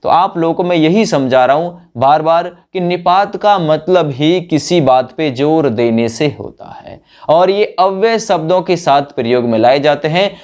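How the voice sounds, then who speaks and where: A man with a somewhat high voice teaches grammar in a classroom-lecture style. He repeats each point patiently and checks in with the listener after nearly every sentence. When he lists example words he slows right down and takes them one at a time. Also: animated, a little mellow. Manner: explains patiently, repeats points, asks "है ना" often.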